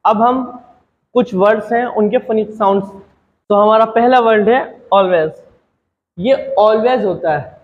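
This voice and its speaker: High-voiced teacher drilling pronunciation slowly. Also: male voice, lo-fi sound. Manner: repeats each word many times, correcting mispronunciations. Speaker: English teacher. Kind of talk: pronunciation lesson.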